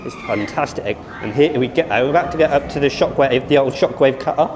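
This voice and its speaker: A man's voice: medium pitch, fairly quick, noisy background. A man giving casual, rambling vlog commentary at a theme park and then inside an exhibition. He thinks aloud, often restarts and corrects himself.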